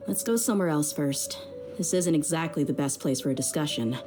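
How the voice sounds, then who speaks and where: An actress voices a young desert mercenary woman, lightly acted, with a low, grounded voice and a slightly fast pace. Loyal and easygoing, the character talks frankly and seriously with lots of slang, video-game style, over prominent background music.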